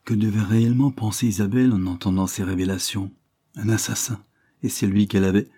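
A man narrates a classic novel in a measured, dramatic storytelling manner. His voice sits low and sounds husky. The tone is dark and mellow. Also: fairly even intonation. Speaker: audiobook narrator. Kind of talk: scripted narration.

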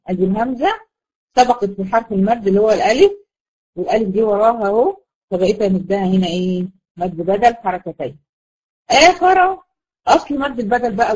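An Egyptian Arabic-accented woman explains Quran recitation rules to her students. She talks patiently, keeps posing questions to the class and answering them herself, and slows down to stretch out each example word. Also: mid-range voice, breathy edge, low-quality recording. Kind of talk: online tajweed lesson to a class of girls.

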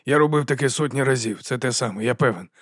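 A steady stable master who speaks in a soft, soothing murmur, as a male narrator puts him on. He talks at a medium pitch, and the sound is dry and close. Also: quick pace, no echo, natural voice.

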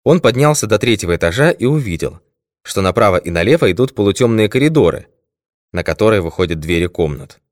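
A man reading a novel aloud as an audiobook narrator, evenly and measured. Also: fairly low pitch, expressive, dry recording, clean studio sound. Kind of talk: scripted narration.

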